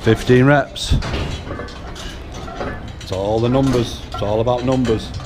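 A man's voice: mid-range voice, steady tone, slow pace. A man with a northern English accent coaching in a large gym, barking short commands and counting reps. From England. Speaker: gym coach filming a workout. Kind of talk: coaching during a workout. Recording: music playing over the gym.

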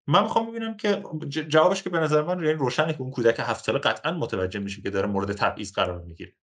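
A man's voice: medium pitch, fairly bright tone. A man hosting an interview, asking long questions that set up the topic. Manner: asks long, framing questions. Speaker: interview host.

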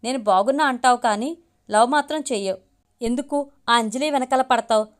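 A woman's voice: a little high, fairly quick, clean tone, close to an everyday voice. A woman voicing a lovestruck young college woman who pleads affectionately. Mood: pleading.

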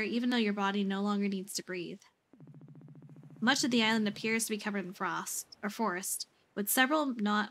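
A woman streamer calmly narrating a role-playing game out loud. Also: mid-range voice, slight background noise.

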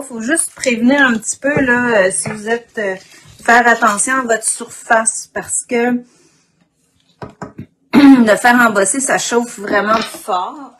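A woman with a Quebec French accent and a husky morning voice, informally demonstrating an art technique and often clearing her throat. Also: fairly high pitch, fairly bright tone. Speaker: craft instructor. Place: indoor craft worktable.

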